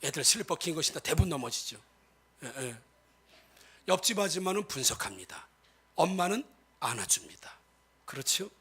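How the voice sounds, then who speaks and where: Animated high-voiced male pastor preaching. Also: moderate pace, pauses often, slightly rough. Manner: animated, acts out quoted speech; addresses the congregation often. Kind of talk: sermon.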